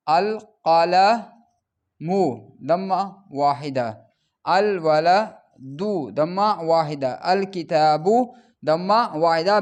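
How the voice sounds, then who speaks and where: Slow, patient male Arabic teacher. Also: high-pitched, smooth. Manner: patient, repeats each word several times, addresses viewers directly. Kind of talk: slow classroom explanation with repeated examples.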